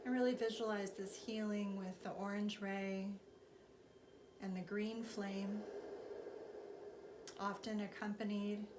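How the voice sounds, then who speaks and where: Woman leading meditation, even-pitched, noisy recording. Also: slow pace, pauses often. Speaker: spiritual teacher leading a class. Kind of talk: guided meditation and spiritual instruction. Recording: clearly noisy recording with background ambience.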